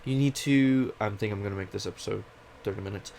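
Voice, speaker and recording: Talking fast in a low, slightly mellow voice with gravelly vocal fry, a young Canadian podcast host rambles candidly through a casual personal monologue. He's self-deprecating, and his accent shifts between British and Canadian. Faint ambient hiss can be heard behind him.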